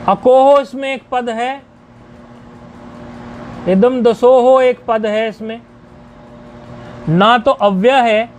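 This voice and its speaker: Slow high-voiced man teaching grammar. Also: slight background noise. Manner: chants sutras slowly in metre, then explains in conversational asides. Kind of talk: explanatory lesson.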